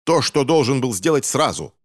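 A man voicing a smug, scheming villain of a gentleman, sneering and contemptuous in an audiobook reading. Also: mid-range voice, sing-song, moderate pace, no echo, clean studio sound, voice pushed up. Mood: snarling.

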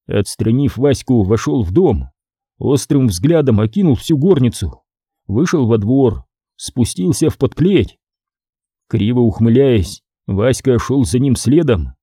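A man narrates a historical novel in an even storytelling manner, pausing for short explanatory notes. His voice is dark and mellow, with a lively, varied pitch. The recording is close and dry. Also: slightly rough, dry recording. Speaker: audiobook narrator.

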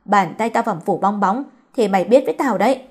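Brief: woman doing a cranky old landlady type, shrill, quick-tempered scolding. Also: animated, a little mellow, slightly rough. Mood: furious. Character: harsh old female mistress, scolding and bad-tempered.

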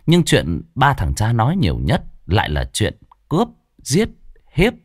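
A man narrating a comic ghost story in a lively, mocking way. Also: mid-range voice, a little slow, no echo, studio quality.

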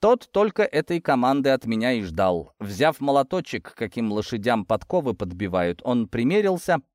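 A man narrates a first-person audiobook with expressive storytelling, using a mid-range voice at a moderate pace. The recording is studio quality with no echo.

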